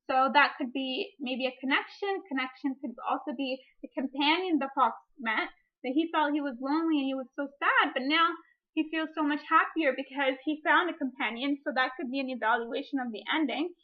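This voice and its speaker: In a dull, lo-fi recording, a woman acting as a teacher demonstrates a read-aloud, expressively reading a picture book and explaining reading strategies. Her voice is high-pitched and a little fast.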